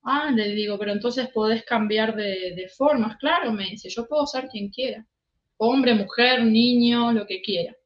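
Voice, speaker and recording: A woman's voice: fairly high pitch, measured pace. Female medium, storytelling with quoted dialogue, echoey, muffled sound. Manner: retells dialogue with frequent "le digo", "me dice". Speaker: psychic medium. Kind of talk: personal storytelling. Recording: roomy, slightly dull recording.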